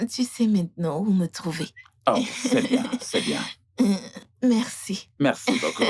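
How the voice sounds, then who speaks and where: Flattering male suitor put on by a woman, gravelly, lively intonation, dubbed film. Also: fairly low pitch, exaggerated voice.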